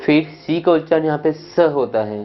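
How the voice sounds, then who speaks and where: A man teaching English pronunciation, reading out word lists one by one and often checking "clear?" with his students. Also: a little high, normal speed, lo-fi sound, soft background music. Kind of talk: pronunciation lesson.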